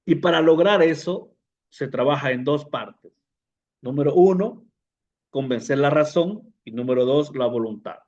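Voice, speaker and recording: A man teaching a public speaking class to pastors, unhurried, often repeating words and putting questions to the listeners. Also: a little high, darkish tone, lo-fi sound. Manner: unhurried, repeats words, fillers, asks the audience. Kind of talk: lecture to pastors.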